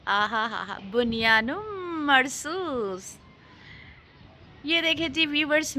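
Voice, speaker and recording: High, bright Pakistani woman vlogger. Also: a little hiss or hum. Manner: mocking, sarcastic, teasing banter. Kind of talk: casual chatty vlog.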